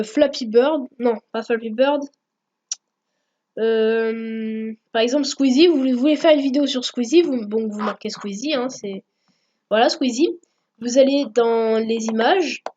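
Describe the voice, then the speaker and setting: A woman recording a software tutorial at home, hesitant, full of fillers and self-corrections. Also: a little high, dull audio. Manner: hesitant, many fillers, corrects herself often. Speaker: YouTube tutorial maker.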